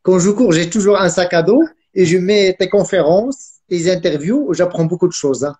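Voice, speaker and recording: A man's voice: high-pitched, normal speed, slightly rough. A man hosting a live online interview, effusive and full of praise for his guest. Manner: warm, effusive, full of compliments. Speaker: host.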